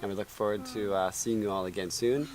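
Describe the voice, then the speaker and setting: A man in his thirties, co-hosting a casual chat show and telling stories in a lively way. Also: fairly low pitch, brisk. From United States. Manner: lively storytelling, chuckling. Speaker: co-host. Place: outdoor backyard.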